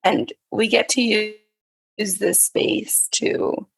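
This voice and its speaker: A woman co-hosting a podcast over a video call whose audio breaks up and freezes, speaking haltingly with restarts. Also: mid-range voice, steady tone, creaky, breathy edge. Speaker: podcast co-host. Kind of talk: casual conversation.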